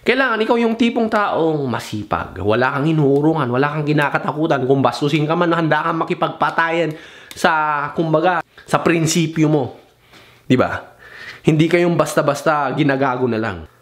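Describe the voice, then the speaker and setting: A man's voice: on the high side, normal speed. A young man vlogging casual advice, mixing Tagalog and English, swearing freely, rambling and losing his thread. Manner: mixes Tagalog and English, swears casually, mimics other people; rambling and loose, loses his train of thought.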